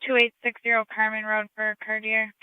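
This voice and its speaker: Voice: medium pitch, completely flat delivery, a little fast, clean tone, narrow, tinny audio. A dispatcher on police radio, speaking in clipped, procedural phrases. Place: scanner stream of radio traffic.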